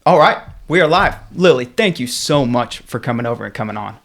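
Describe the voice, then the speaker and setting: A man's voice: medium pitch, animated, a little fast, a bit bright. Direct, opinionated male podcast host. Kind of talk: podcast interview.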